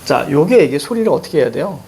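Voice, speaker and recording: Animated Seoul-accented male teacher. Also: a little high, fast talker, slight background noise. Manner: animated, repeats cue words, jokes with students. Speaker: Korean language teacher. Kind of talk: lively classroom lecture.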